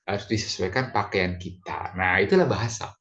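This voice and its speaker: A man's voice: low voice, a little fast, a bit bright. A man giving a rambling classroom lecture, full of fillers and tag questions.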